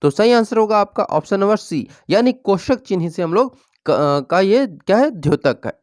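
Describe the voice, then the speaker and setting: A teacher giving an exam-prep lesson, reading out multiple-choice questions and explaining each answer in a steady, explanatory way, often pausing to check in with the class. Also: mid-range voice, no room sound, studio quality.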